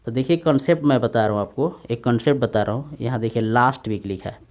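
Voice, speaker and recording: A man gives an English grammar lesson in Hindi for exam students. He dictates English sentences slowly and often checks in with his students. His voice sits at an ordinary mid pitch. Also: darkish tone. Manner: repeats tag questions to students. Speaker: English teacher.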